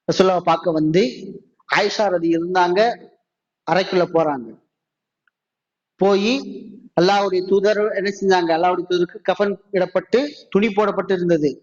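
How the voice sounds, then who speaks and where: A man with a Tamil accent delivers a mosque sermon in a high voice. He asks the listeners question after question and draws out his quotations. The recording sounds dull and lo-fi. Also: a little mellow. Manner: rhetorical questions, slows down for Arabic quotes. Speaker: preacher.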